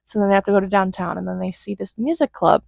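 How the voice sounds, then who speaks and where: A young woman retells a film plot in a loose, chatty way, jumping into quick impressions of the characters. Her voice has a gravelly fry at the ends of phrases, heard dry and close. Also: mid-range voice, darkish tone, no echo, rough recording. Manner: flippant, acts out quotes in quick voices. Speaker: movie reviewer. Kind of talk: casual recap commentary.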